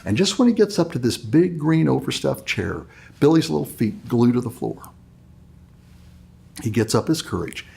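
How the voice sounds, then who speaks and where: A man's voice: mid-range voice, sing-song, moderate pace, vocal fry, long pauses, warm tone. A man hosting a leadership show, giving a motivational talk and telling a story dramatically. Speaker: host, leadership speaker.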